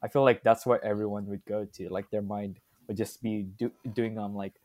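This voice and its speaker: A man's voice: on the low side, level tone, moderate pace, darkish tone. A teenage man, chatting casually with friends, rambling with lots of fillers and restarts. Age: teens. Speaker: student. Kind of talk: casual chat.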